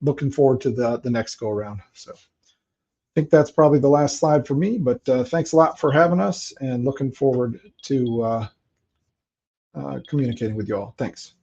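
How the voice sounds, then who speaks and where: Man, company representative, informal webinar talk, dark mellow voice, halting delivery, dull lo-fi audio. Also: mid-range voice. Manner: halting, searching for words. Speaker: company representative at a recruiting event.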